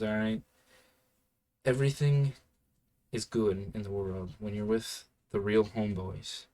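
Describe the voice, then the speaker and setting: A young man tells a story in a loose, rambling way, stacking fillers and easygoing slang as he goes. His voice sits on the low side, relaxed and unhurried. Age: young adult. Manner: rambling, filler-heavy, laid-back slang. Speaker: vlogger telling a story. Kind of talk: casual storytelling.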